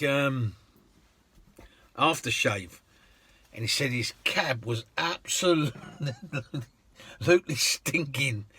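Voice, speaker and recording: Cabbie, husky, bright and lively tone, chatty storyteller, laughs a lot. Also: male voice, medium pitch, no room sound. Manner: chatty, laughs often, many ums. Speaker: London cab driver. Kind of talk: anecdotal storytelling.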